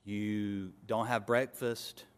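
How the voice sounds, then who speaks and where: A male pastor preaching an expository sermon, building to emphatic peaks and dropping to soft asides. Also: lowish voice, flat delivery, slow, clean tone.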